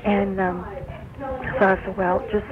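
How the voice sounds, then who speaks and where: A woman's voice: mid-range voice, level tone, unhurried, a crowd in the background. A woman chatting at length, retelling conversations in detail, heard from an old worn cassette tape. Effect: played from an old worn cassette tape. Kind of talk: rambling personal storytelling on a message. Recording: tinny phone line, heavy tape hiss.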